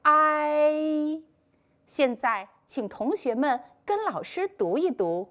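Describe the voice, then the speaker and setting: A woman gives a scripted online lesson to young schoolchildren. Her voice sits high and her pitch swings widely as she draws out each word in a slow, sing-song, encouraging manner. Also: very animated. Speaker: primary school teacher.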